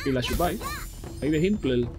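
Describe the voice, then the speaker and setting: A young man doing excitable, profane commentary on a video game he plays, breaking into sudden shouts. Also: mid-range voice, fairly quick, loud music behind the voice. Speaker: let's play host. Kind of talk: gaming commentary.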